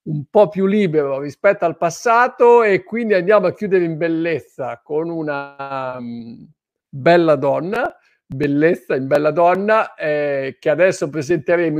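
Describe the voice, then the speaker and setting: A man with a fairly high voice hosts an informal live interview online. He is chatty and playful with his guest. The sound is very dry, with no room echo. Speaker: host of an online interview show.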